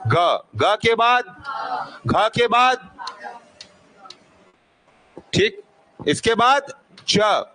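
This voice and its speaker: Man, teacher, high-pitched, slow, asks questions then answers, repeats sounds. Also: lively intonation, sharp tone, slight background noise. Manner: repeats sounds slowly to demonstrate. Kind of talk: classroom grammar lesson.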